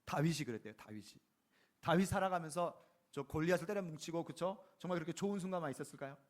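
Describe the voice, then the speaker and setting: A man with a fairly high voice preaches a sermon in an easy, conversational way, breaking off again and again to ask the congregation "right?" When he reads scripture he slows down and takes each phrase deliberately. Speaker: pastor.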